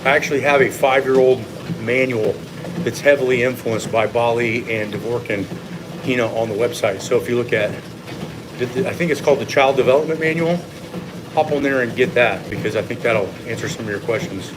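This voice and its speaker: A man with a mid-range voice talks at normal speed while walking on a treadmill, hosting a live Q&A as a fitness coach. His tone is casual as he explains things and shares opinions with viewers. A steady machine hum runs clearly behind his voice.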